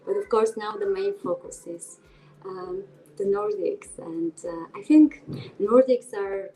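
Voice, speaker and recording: A woman's voice: medium pitch, slow, warm tone, faint music behind, poor audio. A woman from Bulgaria being interviewed over a video call, speaking earnestly with frequent hesitations and restarts. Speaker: interview guest, board member.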